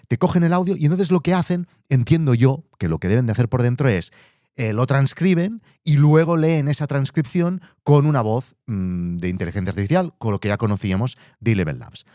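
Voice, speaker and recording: A man's voice: mid-range voice, animated, fairly quick, warm tone, dry recording, clean studio sound. A man hosting a podcast, chatting casually, swearing freely and thinking aloud. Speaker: podcast host. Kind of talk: casual monologue.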